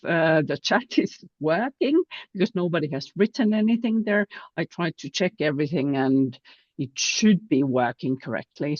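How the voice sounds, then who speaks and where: A woman moderating an online info session over a video call, chatty and trailing off softly. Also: lowish voice, dry recording. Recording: muffled dry video call audio.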